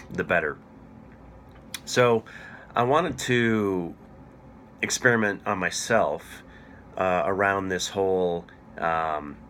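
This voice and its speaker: A middle-aged man who hosts a cycling coaching channel, talking through his experiment in a hoarse, froggy voice from a chest cold. He explains at an even clip and checks his notes as he goes. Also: low-pitched, slight background noise. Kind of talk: casual explanatory video talk.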